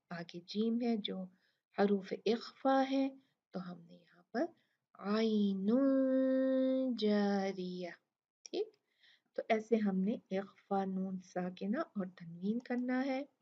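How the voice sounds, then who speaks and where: A woman's voice: medium pitch, muffled recording. A woman with a Pakistani Urdu accent teaching recitation rules, patiently repeating sounds to demonstrate them. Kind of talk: Tajweed lesson explaining rules.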